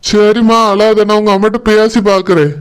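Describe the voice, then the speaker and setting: A voice actor playing a gentle, helpless father who calms his crying daughter, speaking softly and soothingly in a cartoon. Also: medium pitch, normal speed, background noise, natural voice. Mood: consoling. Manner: soft, soothing. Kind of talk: cartoon voice acting.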